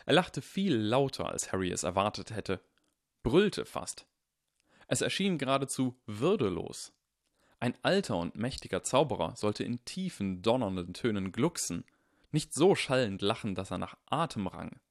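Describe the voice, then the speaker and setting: A man narrating an audiobook in an even, measured storytelling manner. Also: fairly low pitch, dry recording, studio quality. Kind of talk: scripted narration.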